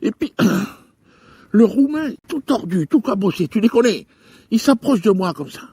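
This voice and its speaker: Guy doing stand-up, husky voice, stumbles and restarts a lot, dry sound. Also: moderate pace, dry recording. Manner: animated, stammering restarts, shifting between loud and low. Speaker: stand-up comedian. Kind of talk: stand-up comedy storytelling.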